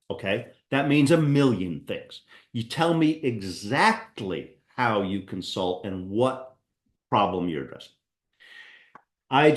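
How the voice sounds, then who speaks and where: Man hosting a webinar, animated and emphatic delivery, slightly roomy echo. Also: medium pitch. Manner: emphatic, coaching. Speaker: webinar presenter. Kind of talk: webinar presentation.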